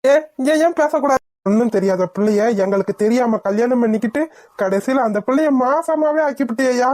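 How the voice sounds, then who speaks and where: A woman's voice: on the high side, brisk, a little mellow, no echo, natural voice. A woman doing teasing young cartoon men. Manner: bantering, mocking. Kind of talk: cartoon voice acting.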